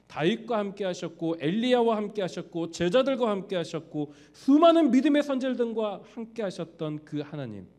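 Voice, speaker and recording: Animated man preaching with lively pitch. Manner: animated, with rhetorical questions to the congregation. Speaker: pastor. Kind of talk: sermon.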